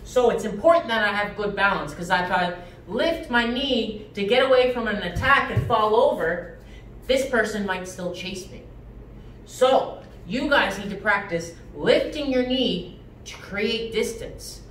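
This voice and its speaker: A young man teaching a children's karate class, giving sharp, clipped martial arts commands. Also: high voice, animated, measured pace. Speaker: karate instructor. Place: mid-sized indoor karate studio with matted floor. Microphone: distant camera. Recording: roomy, distant microphone, background noise.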